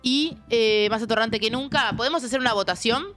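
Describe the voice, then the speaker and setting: A woman with an Argentine accent co-hosting a casual comedic radio chat, blunt, swearing freely, quick retorts. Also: fairly high pitch, a bit bright, no echo, soft background music. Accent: Argentine Spanish. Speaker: radio show co-host.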